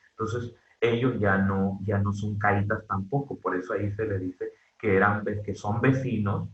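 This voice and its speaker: A man from northwestern Mexico giving an online university class, halting with fillers and restarts and often checking in with his students. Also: on the low side. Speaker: university lecturer. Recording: dull echoey lo-fi room sound.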